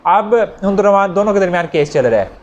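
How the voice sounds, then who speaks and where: A man with a Pakistani accent delivers an explanatory law lecture, restating points and walking students through worked examples. His voice is high-pitched and expressive, his pace fairly quick, and the audio sounds dull with noticeable background noise.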